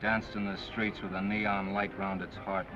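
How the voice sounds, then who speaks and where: A man's voice: fairly low pitch, flat delivery, normal speed, lightly acted. Actor as wry newspaperman in screwball banter. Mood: sardonic. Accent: American. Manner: dry, sardonic, flippant wordplay. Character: wry, cynical big-city newspaperman. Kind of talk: 1930s screwball comedy film banter. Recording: dull 1930s film soundtrack, music behind.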